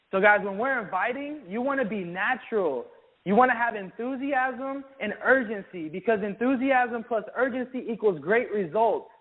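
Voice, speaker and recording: A man leading an energetic business training talk, who keeps calling his listeners "guys". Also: sits high. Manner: energetic, keeps saying "guys", acts out sample calls. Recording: tinny phone-like sound.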